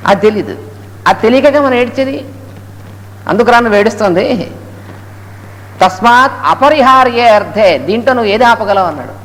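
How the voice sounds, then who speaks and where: A man giving a spiritual discourse on a scripture, telling its story and chanting Sanskrit verses slowly between quick explanations. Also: sits high, lively intonation. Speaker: Gita lecturer. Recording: echoey hall with faint noise.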